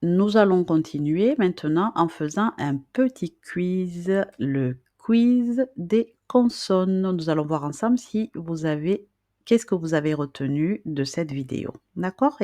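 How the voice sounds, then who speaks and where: Speaking patiently to beginning readers and writers, this woman teacher repeats every question and checks that the listener is following. Her voice is low and a little mellow, recorded without echo.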